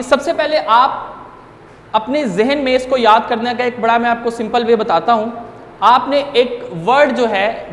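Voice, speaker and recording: A man teaches an online grammar lesson in a high voice, taking his time and speaking directly to his students. He sounds like he is in a bare, echoey room with a long reverb tail. A faint hum of ambience sits under his voice. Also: a bit bright. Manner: deliberate, explanatory, addresses students directly. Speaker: Urdu teacher.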